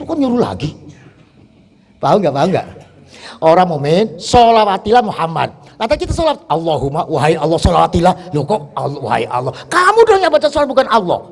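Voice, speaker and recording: A middle-aged male preacher delivers a lively sermon. His voice sits high and jumps around a lot in pitch, with a husky edge. He keeps asking his listeners whether they follow him. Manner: animated, repeatedly asking the audience if they understand.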